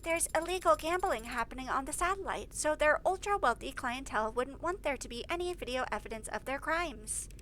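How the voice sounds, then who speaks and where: A woman's voice: high-pitched, lively intonation, brisk, few pauses, fairly bright tone, a little hiss or hum. A woman reading a pedantic explaining father. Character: pedantic middle-aged father, movie buff.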